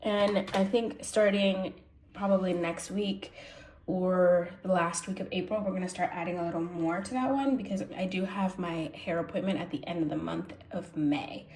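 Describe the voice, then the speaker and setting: At a normal speed and fairly low pitch, the sniffly budgeting host talks through cash stuffing in a relaxed way, catching and correcting herself as she goes. Her tone is a little mellow with fairly even intonation, recorded in an echoey room with faint noise.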